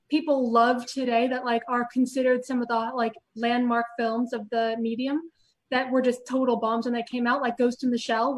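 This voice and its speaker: A woman who writes articles, chatting casually on a talk show panel with many fillers. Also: on the high side. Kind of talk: casual chat.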